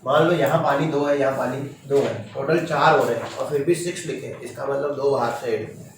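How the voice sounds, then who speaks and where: A man's voice: mid-range voice, fairly quick. A man teaching chemistry to a class in a firm, strict manner, often checking with short questions. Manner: firm, stern, quizzes students with short questions. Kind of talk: classroom lecture. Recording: echoey classroom from far off, noisy.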